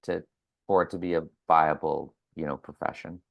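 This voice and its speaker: A man's voice: rumbling low, fairly even intonation, normal speed, vocal fry, muffled recording. A man, a physiotherapist and educator, guesting on a casual podcast, talking bluntly, swearing and often starting over.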